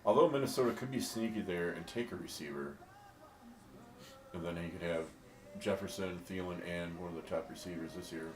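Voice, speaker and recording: A man in a casual discussion, thinking out loud in a relaxed way. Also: low-pitched, brisk, over music. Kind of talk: casual draft pick discussion. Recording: echoey room with faint hiss.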